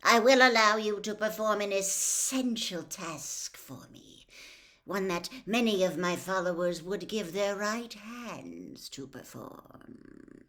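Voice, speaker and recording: Woman voicing Lord Voldemort, silky, slow, cruel. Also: mid-range voice, expressive, a bit bright. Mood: cruelly amused. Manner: silky, mocking, deliberate. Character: cold, cruel, silky dark lord, male, menacing. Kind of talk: storybook villain read aloud.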